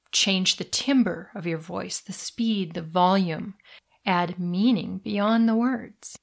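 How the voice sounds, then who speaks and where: A middle-aged woman hosting a solo coaching podcast, speaking warmly and deliberately and slowing down to stress words. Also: medium pitch, vocal fry. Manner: warm, deliberate, slows down for emphasis.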